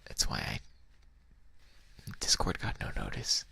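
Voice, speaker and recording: A live streamer chats casually with viewers in a hushed, breathy whisper. The ASMR-style talk is unhurried and conversational.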